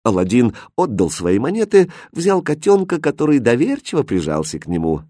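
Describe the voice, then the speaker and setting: A man's voice: mid-range voice, normal speed, no room sound, clean studio sound. A man narrating a fairy tale expressively, acting out the characters. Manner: acts out the characters with lively shifts.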